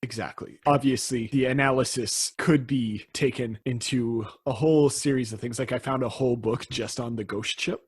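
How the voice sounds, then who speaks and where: A man's voice: medium pitch, fairly even intonation, moderate pace, few pauses, husky. A Canadian man co-hosting a podcast in casual conversation, laughing often and restarting his sentences. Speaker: podcast co-host.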